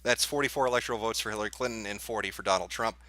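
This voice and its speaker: A man's voice: fairly low pitch, very fast, sharp tone, no echo. A man hosting a livestream as an off-the-cuff election night analyst, thinking aloud as he reads out results in casual live commentary. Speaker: livestream host.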